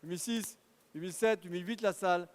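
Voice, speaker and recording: A man with a high voice calls out bids at a car auction, rattling off numbers in a rhythmic patter and urging the bidders on. His voice rings with a long reverb across the auction hall. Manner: rapid rhythmic bid calling, urging bidders. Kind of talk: live car auction calling.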